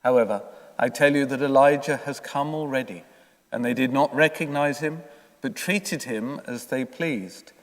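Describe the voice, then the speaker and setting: Priest preaching in cathedral echo. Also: male voice, mid-range voice. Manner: calm, conversational preaching with pauses. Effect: long cathedral echo. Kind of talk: gospel reading and homily. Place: large church. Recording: echoey church from far off.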